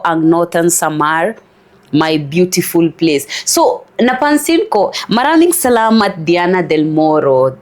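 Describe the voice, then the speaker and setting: A young Kenyan woman vlogging in Tagalog and English, chatting casually and reading viewer comments aloud with careful pronunciation. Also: fairly low pitch. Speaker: language-learning vlogger.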